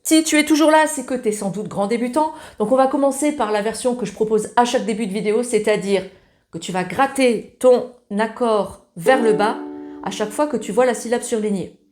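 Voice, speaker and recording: High-voiced woman teaching ukulele. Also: brisk. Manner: chatty, familiar, sings the lyrics while strumming. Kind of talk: casual ukulele tutorial. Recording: loud ukulele playing along.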